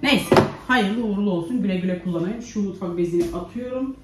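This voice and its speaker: A woman's voice: medium pitch, fast talker, over loud music. A woman chatting in a home vlog, often calling out to her children as she does chores. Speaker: vlogger and mother. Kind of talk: casual home vlog chat. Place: home, kitchen and yard. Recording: echoey room with background noise.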